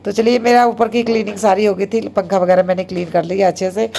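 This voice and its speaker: Chatty woman in her 30s vlogging at home, talks super fast, lots of fillers. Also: medium pitch, steady tone, creaky, dark tone. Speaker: homemaker vlogger. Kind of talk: casual vlog narration.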